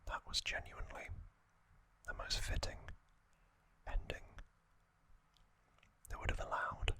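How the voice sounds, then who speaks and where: The host of an ASMR video, a man, narrates with a gentle, breathy whisper. Short phrases come one at a time, broken up by lengthy pauses.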